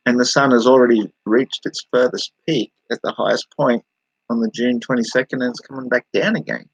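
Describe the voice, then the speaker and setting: Aussie bloke rambling on a stream, husky, dry close sound. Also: male voice, mid-range voice, fairly even intonation, fairly quick, dry recording, highs cut off. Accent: Australian. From Australia. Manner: rambling, laughing, talking back to chat. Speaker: livestreamer answering chat. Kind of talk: casual livestream chat.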